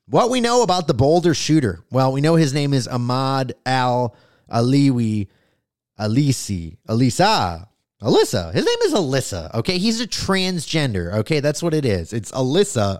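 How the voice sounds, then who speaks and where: A man hosting a podcast, delivering a sarcastic, profane comedic monologue. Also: mid-range voice. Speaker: podcast host.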